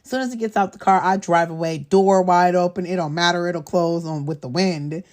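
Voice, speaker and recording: Low-voiced woman telling a story. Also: fairly quick. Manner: animated, laughing often, swearing freely; candid, streetwise storyteller. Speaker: podcast host. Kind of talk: casual storytelling.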